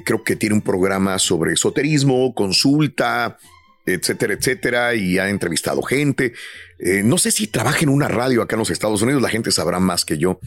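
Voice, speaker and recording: Male radio host, lively gossip storyteller, close dry mic. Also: lowish voice, no room sound. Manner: lively storytelling with many fillers. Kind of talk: casual morning-show banter.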